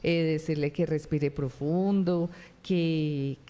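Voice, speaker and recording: A woman's voice: low-pitched, steady tone, slow, warm tone. A woman psychologist with a Colombian Spanish accent, explaining parenting advice as a talk-show guest and often checking in with short questions. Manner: explanatory, acts out child and parent voices, frequent tag questions.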